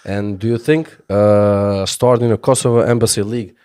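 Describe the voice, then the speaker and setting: A man's voice: lowish voice, fairly even intonation, normal speed, darkish tone, clean tone. A man hosting a radio interview, asking his questions with many hesitations. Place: radio studio.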